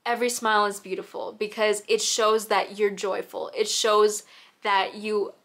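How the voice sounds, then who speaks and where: A woman's voice: medium pitch, little pitch movement, moderate pace, a bit bright. A young woman in her teens chatting casually as a host who reads confessions and gives advice, with an earnest, encouraging manner. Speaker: host reading viewers' confessions and giving advice. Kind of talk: casual advice chat and reading submissions aloud.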